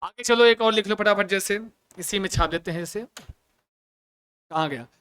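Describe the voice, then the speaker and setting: Bright, clear-voiced Hindi grammar teacher. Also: male voice, sits high, moderate pace. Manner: lively, asks questions and answers them himself; joking asides.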